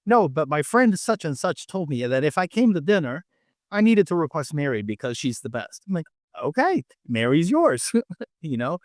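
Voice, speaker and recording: With a fairly high, sing-song voice at a moderate pace, a restaurant owner and chef from Mexico City answers a podcast interview conversationally and shares anecdotes. Spanish is his first language and he has a Mexican accent, and the recording is dry and clean, studio-quality.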